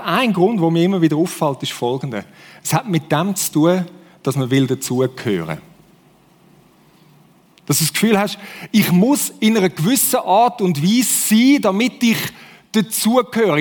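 A man's voice: high voice, in a large hall. A man with a Swiss German accent preaching a sermon, who acts out fake enthusiasm in playful voices. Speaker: pastor.

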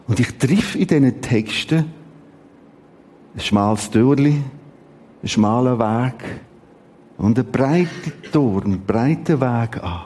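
A man with a Swiss German accent preaching a sermon at a church service, emphatic, with dramatic swings in pitch and repeated words for stress. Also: lively intonation, takes it slowly, long pauses, darkish tone, slight background noise.

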